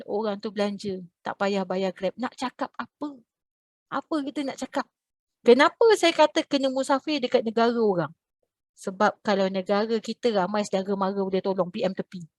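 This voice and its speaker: A woman from Malaysia, a religious teacher, telling a story to her class over a video call in a lively, expressive way. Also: no echo. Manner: animated, expressive, swings in pitch and loudness.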